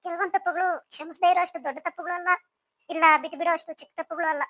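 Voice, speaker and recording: A woman's voice: extremely high pitch, steady tone, very fast, fairly bright tone. A woman voicing a hurt, bitter young pregnant wife in a cartoon story, speaking in a reproachful, pleading way.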